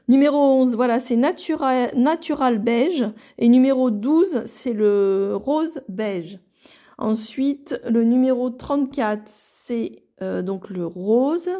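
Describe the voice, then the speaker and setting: A French woman calmly narrating a watercolour card tutorial in a casual way, with many fillers and restarts. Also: fairly high pitch. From France. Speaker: card-making artist.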